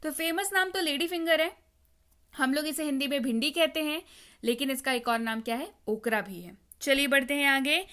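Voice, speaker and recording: A woman's voice: high voice, pushed and bright. A woman teaching vocabulary in a video lesson, explaining patiently, repeating words and quizzing the viewer. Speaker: English teacher.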